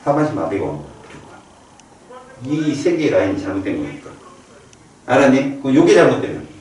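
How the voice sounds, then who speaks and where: A man lecturing a biology class in a lively, playful way, his pitch rising and falling a lot as he acts out quick reactions. He is recorded from far off in a strongly echoing classroom. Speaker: biology teacher. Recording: echoey room from far off.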